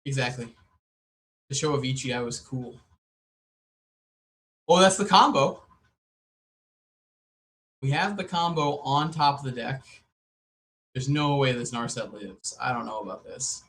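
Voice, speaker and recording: A man co-hosting a podcast, giving casual, joking commentary on a card game with lots of "like" and drawn-out asides. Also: medium pitch, a bit bright, rough recording.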